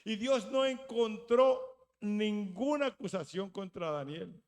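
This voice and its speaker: A man preaching a sermon as pastor, retelling a story with dramatic, loud acted-out lines and frequent restarts. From Spain. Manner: dramatic storytelling, acting out quoted lines with rising pitch and volume; slow, deliberate delivery with stumbles and restarts.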